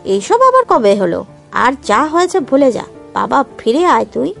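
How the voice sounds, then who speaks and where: A woman playing a high-voiced scolding mother. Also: sing-song, moderate pace, gravelly, a bit bright, exaggerated voice. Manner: urgent, scolding. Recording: music bed underneath.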